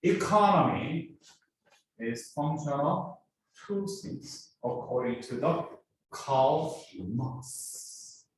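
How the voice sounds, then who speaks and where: With a mid-range, expressive voice, this Korean-accented professor from South Korea draws out his words while teaching a business class and pushing students with rhetorical questions. The audio, taken from far off in an echoey classroom, has slight background noise.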